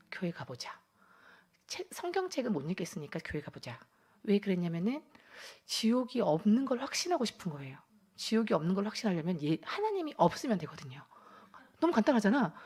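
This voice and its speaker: A woman gives her testimony at a church gathering in a slightly husky voice. Her pitch rises and falls freely as she tells the story. She laughs often and acts out the thoughts she once had. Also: darkish tone. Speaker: testimony speaker.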